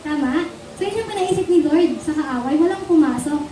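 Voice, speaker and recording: High-voiced Filipino woman preaching in a hall. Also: lively intonation, a little fast, background noise. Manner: Taglish, asks the congregation for amens. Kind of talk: sermon. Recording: echoey church hall from far off.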